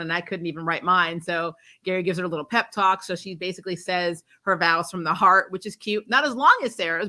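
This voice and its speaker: On her livestream, this host recaps a TV episode with acted-out quotes, keeping it informal and giggly, wandering off on tangents and frequently correcting herself. Her voice is lowish and sharp in tone.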